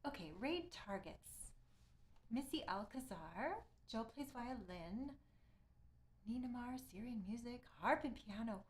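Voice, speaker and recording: A woman's voice: fairly high pitch, lively intonation, slow. A middle-aged woman chatting casually with viewers while wrapping up a live stream, rambling a little and thanking people as she goes.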